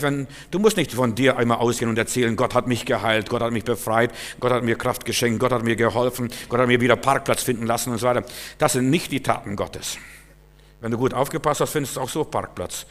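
Male preacher, medium pitch, sermon delivery, talks right at the congregation, drops soft then rises loud for emphasis. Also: long reverb tail. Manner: emphatic, addresses listeners directly, swings from hushed to loud.

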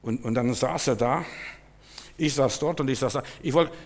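A man preaching a sermon, swinging from quiet, slow confession to loud, pleading repetition. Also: medium pitch. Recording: long hall reverb.

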